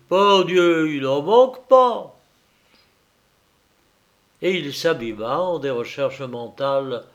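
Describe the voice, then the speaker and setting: A man reading a literary story aloud as narrator in a measured, deliberate way. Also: mid-range voice. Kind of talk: scripted audiobook narration.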